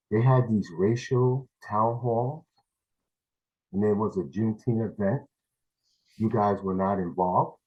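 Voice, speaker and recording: A man's voice: deep voice, highs cut off. A man from New City, giving a rambling, blunt public comment over a video call as a parent. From New York City.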